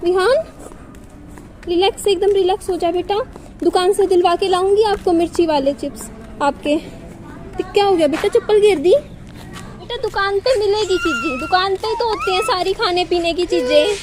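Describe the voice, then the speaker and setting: A young mother gently coaxes and soothes her crying child, repeating short phrases, in a casual home vlog. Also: extremely high pitch, sing-song, fairly quick. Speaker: mother and vlogger.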